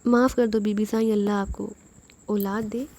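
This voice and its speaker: A woman's voice: mid-range voice, little pitch movement, dark tone, lightly acted. A woman voicing an old servant woman who begs tearfully for mercy in a novel reading. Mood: pleading. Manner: tearful begging.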